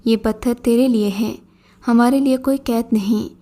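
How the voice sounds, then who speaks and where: A woman's voice: on the high side, fairly even intonation, dark tone, lightly acted. A woman voicing a mocking old male jinn disguised as a beggar, speaking in a scornful, commanding way.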